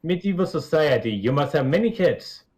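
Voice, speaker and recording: A man's voice: a little high, expressive, moderate pace, a little mellow. A man in a casual podcast chat, sarcastic with a mock-grand way of talking.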